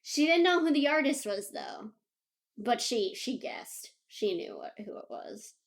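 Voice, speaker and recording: A young woman co-hosting a podcast, telling a story in casual chat, animated, laughing often and acting out what others said. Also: sits high, measured pace. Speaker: podcast co-host.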